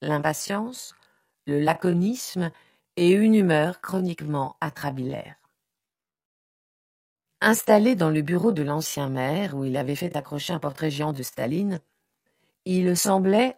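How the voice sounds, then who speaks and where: A woman reading a literary novel aloud in a measured, expressive way. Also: sits low, gravelly, dry recording, clean studio sound. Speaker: audiobook narrator.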